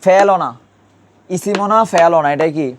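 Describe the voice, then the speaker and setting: A male teacher with a slightly raised pitch leads a grammar class in an easy, conversational way. He drills pronunciation patiently and keeps quizzing his students with repeated questions. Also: normal speed, a little hiss or hum. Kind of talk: classroom lesson.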